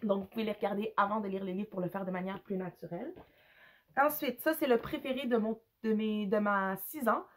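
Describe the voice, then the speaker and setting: A woman with a Quebec French accent and a hoarse, gravelly voice, casually reviewing books in a hesitant, rambling way with English words slipped in. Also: medium pitch, brisk. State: hoarse, with a cough. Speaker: book reviewer, mother. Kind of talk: casual unscripted review to camera.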